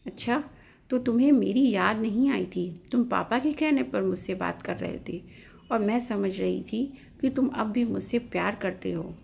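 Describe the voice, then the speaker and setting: Angry young wife, read by a woman storyteller; indignant, stubborn, gravelly tone. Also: mid-range voice, normal speed, slight background noise. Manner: sharp, indignant.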